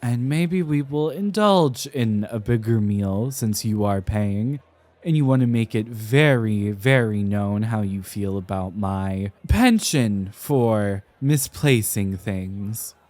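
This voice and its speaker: Playing a tipsy young scholar in an acted, one-sided ASMR roleplay, a man sounds flustered, dramatic, and affectionately defensive, with a grudging, resigned air. He enunciates with care through halting, theatrical flourishes in a lowish, slightly mellow voice, recorded dry.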